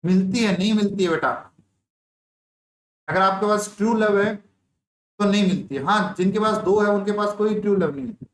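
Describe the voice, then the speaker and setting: In an online class preparing nurses for exams, a man tells a story and keeps quizzing his students with repeated questions. His voice sits high, he moves at a moderate pace with frequent pauses, and slight background noise fills the echoey, faintly ambient room.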